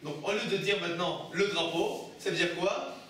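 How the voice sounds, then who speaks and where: Man, rabbi teaching a class, high bright voice, rhetorical questions, recorded from far off in a roomy hall. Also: moderate pace. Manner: asks the class rhetorical questions and answers them; explains texts with repeated phrases and restarts. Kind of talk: Torah study lesson. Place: classroom with students. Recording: echoey room, mic far off.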